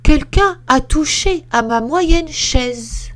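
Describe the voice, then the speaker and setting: A woman doing a high, fussy middle bear. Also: lively intonation, slow pace. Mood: indignant. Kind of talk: storybook reading.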